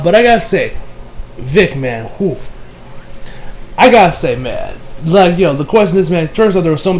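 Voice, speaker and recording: A man's voice: medium pitch, slight background noise, rough recording. A young man giving casual, rambling commentary, full of fillers and casual swearing. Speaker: online commentator.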